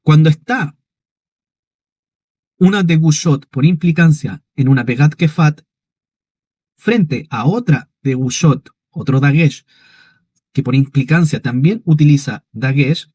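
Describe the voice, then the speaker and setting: A man's voice: on the high side, darkish tone, husky, no echo. Dry-voiced man teaching a language class. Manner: explanatory, checks understanding with frequent "¿ya?". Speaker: Hebrew teacher. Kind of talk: online class lecture.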